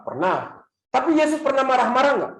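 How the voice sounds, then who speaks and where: A man preaching a sermon as pastor, asking the congregation questions and repeating key lines, at times rising to loud, fervent preaching. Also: very high voice, very animated, fast talker. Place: church hall. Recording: echoey church hall.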